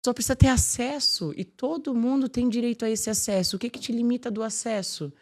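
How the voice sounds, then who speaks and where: A woman guest on a podcast, talking in a lively, casual way about faith and her work, often filling her speech with "tipo assim". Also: a little high, brisk.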